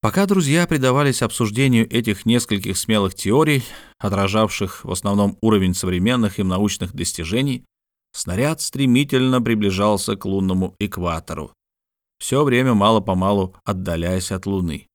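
A man reading an adventure novel aloud in steady, descriptive scripted narration. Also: on the low side, moderate pace, no room sound, clean studio sound. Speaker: audiobook reader.

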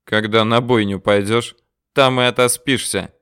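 A man voicing a calm, terse male deserter commander who talks low and dry. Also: normal speed, smooth.

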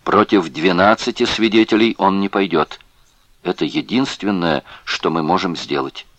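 A tired male prisoner urges his comrade in a hushed tone, as a man reads him in an audiobook. His voice is deep and low. The sound is close and dry. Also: animated, normal speed, creaky, dry recording, heavily acted. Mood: urging. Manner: hushed, urging.

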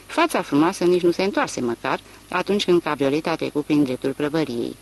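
An audiobook narrator reading a literary novel in a measured, expressive way. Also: mid-range voice, low-quality recording.

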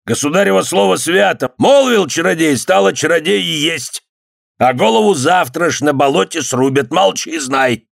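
A male reader voicing a gruff, weary old boyar judge with a gravelly, curt, commanding voice. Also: medium pitch, big pitch swings, moderate pace, few pauses, dry recording, studio quality, voice pushed up. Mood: stern.

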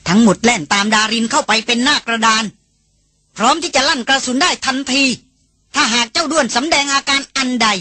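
A woman reading an adventure novel aloud as an audiobook in a steady, measured storytelling voice. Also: a little high, husky, no echo. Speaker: audiobook reader. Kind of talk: scripted narration.

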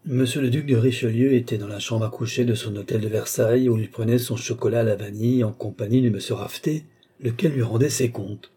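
A man reading a classic novel aloud in a measured, even narration. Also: medium pitch, husky. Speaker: audiobook narrator. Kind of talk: scripted narration.

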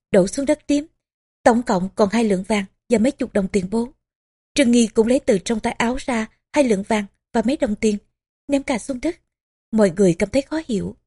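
A woman narrating a historical novel as an audiobook, in measured, even storytelling. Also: on the high side, slightly rough. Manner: measured, even storytelling with small voicings for characters.

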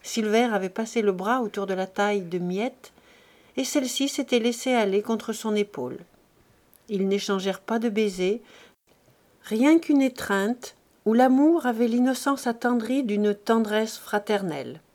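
Female narrator for a classic novel audiobook, measured and expressive delivery. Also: on the high side.

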